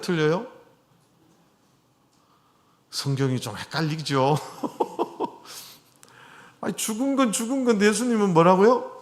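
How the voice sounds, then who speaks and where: A middle-aged man preaching a sermon in a church, chatting with his congregation and putting questions to them. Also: fairly high pitch. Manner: conversational, asks the congregation questions. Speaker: pastor. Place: church hall.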